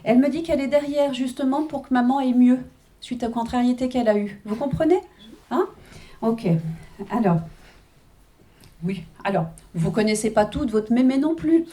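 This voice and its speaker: A woman's voice: on the high side, moderate pace, dark tone. A woman working as a medium at a live reading, chatting with the audience, checking in constantly and laughing often. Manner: chatty, constant "hein" and "d'accord" check-ins, frequent laughs.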